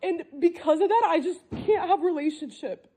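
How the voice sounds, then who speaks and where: Woman w high voice arguing w family, really insistent, repeats herself a lot. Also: moderate pace, warm tone. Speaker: daughter confronting her family. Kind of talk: heated family argument.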